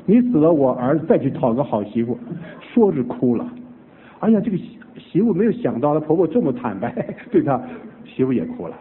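A man preaching, telling a family conversion story with lively acted-out dialogue. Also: a little high, brisk. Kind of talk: sermon testimony storytelling. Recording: tinny phone-like old recording.

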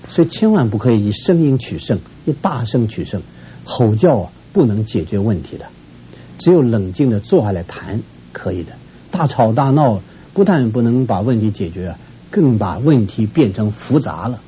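A man's voice: big pitch swings, moderate pace, dark tone, highs cut off, slight background noise. Earnest man giving marriage advice. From Shenyang, northeast China. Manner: earnest and admonishing, leaps up in pitch for emphasis. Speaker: family counselor. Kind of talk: advice talk to a viewing audience.

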